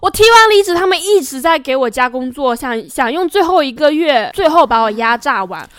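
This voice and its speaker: A woman's voice: high-pitched, animated, fairly quick, a bit bright, no echo, studio quality. A woman in her twenties with a Taiwanese Mandarin accent, co-hosting a casual podcast in a brash, sarcastic way with some swearing. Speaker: podcast co-host. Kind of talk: casual chat.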